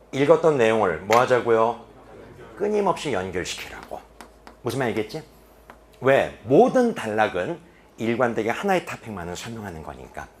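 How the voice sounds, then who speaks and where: A man's voice: medium pitch, a little hiss or hum. A man teaching an English reading lecture in a classroom, asking his students questions and answering them himself. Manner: animated, with sharp drops to quiet emphasis. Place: classroom at a boarding academy.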